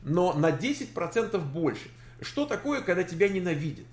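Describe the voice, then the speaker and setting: A man giving casual political commentary on a live stream, halting, with many fillers and restarts. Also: high voice, big pitch swings, reverberant. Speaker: political commentator reading viewer chat.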